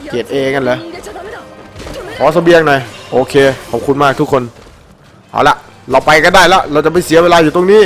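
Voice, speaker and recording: Excitable, fairly high-voiced male game commentator. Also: moderate pace, pauses often. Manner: animated and playful, with frequent shouted exclamations and crude slang. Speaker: gameplay commentator. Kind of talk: excited let's-play commentary. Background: faint game music.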